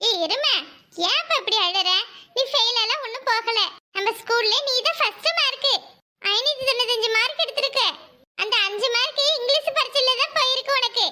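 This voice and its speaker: Bossy cartoon teen friend, teasing, very high and bright voice, southern Tamil Nadu accent, as a woman voices her. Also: fairly quick, exaggerated voice. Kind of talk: cartoon voice acting.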